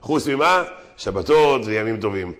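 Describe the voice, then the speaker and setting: A man teaching a weekly religious lesson in an animated, slangy way that mixes learned phrases with street talk. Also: fairly low pitch. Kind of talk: religious lesson mixed with jokes.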